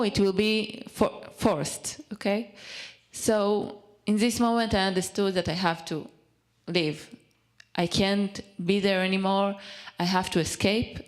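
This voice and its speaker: A young woman from Israel, a native Hebrew speaker, telling her personal story in halting English, often pausing and restarting as she searches for words. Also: mid-range voice. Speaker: speaker at a community event. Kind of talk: personal testimony.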